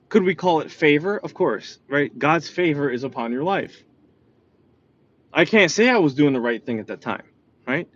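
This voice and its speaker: Speaking in a voice on the high side, a New York man with a matching accent gives an animated motivational talk built on personal anecdotes, repeatedly throwing in "right?" He is a motivational speaker, and the audio sounds dull and lo-fi.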